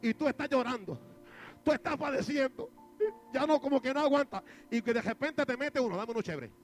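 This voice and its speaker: A man preaching a fiery Pentecostal sermon, acting out a boxing match and shouting praise to the congregation. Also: very high-pitched, brisk. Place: church sanctuary. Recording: church service with music behind. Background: band music.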